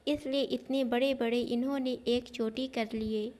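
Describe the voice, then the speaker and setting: A woman's voice: fairly high pitch, steady tone, measured pace, a little mellow, lightly acted. A woman voicing a mocking young male friend. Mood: teasing. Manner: teasing, mocking. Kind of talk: storybook narration.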